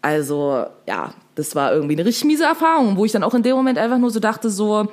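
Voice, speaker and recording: Fast-talking young woman, shaken. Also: mid-range voice, big pitch swings, a little mellow. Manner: fast, chatty, full of fillers. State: shaken, still upset. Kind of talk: casual storytelling to camera.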